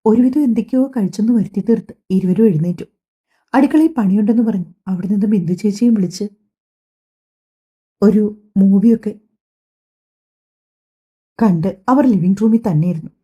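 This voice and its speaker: A woman's voice: medium pitch, moderate pace, long pauses, breathy edge, lo-fi sound. A woman narrating an audiobook family drama, reading the dialogue in as she goes. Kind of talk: scripted story narration voicing all characters.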